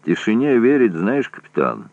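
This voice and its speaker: A man voicing a calm, measured army major with a thick voice. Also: lowish voice, vocal fry, dry recording, dull audio, voice pushed up, exaggerated voice.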